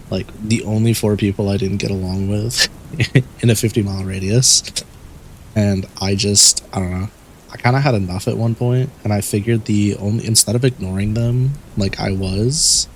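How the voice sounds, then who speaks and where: Low gravelly-voiced male streamer, relaxed. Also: slight background noise, poor audio. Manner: relaxed, rambling, swears casually. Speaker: streamer host. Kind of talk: late-night casual chat.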